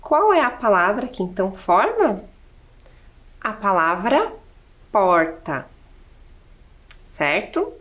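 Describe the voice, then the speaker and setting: A woman with a Brazilian Portuguese accent teaches a children's lesson at a slow, unhurried pace. Her pitch rises and falls in a lively, animated way as she counts aloud step by step. She keeps asking gentle rhetorical questions.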